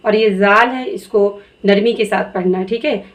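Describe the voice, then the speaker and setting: A woman teaching Quran reading, spelling out letters slowly and patiently before blending them into words. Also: mid-range voice. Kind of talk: slow spelled-out recitation lesson.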